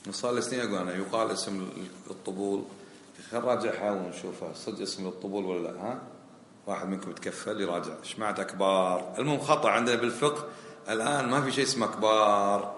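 A man's voice: fairly low pitch, fairly even intonation, racing, a bit bright. A man teaching a colloquial lesson on prayer rulings, questioning his students and repeating key phrases. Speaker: sheikh teaching a fiqh lesson. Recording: echoey hall with faint ambient noise.

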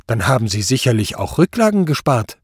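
A man voicing a cruel Nazi judge who mocks and shouts at the accused in a story reading. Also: mid-range voice, very animated, brisk, husky, no room sound, clean studio sound. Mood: mocking. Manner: mocking, shouting, furious. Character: cruel, sneering, bellowing male Nazi judge.

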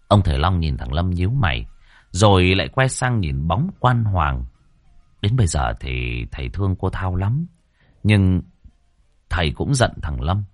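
A man narrating a ghost story in an expressive, dramatic way, close to the microphone. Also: low-pitched, husky, no echo.

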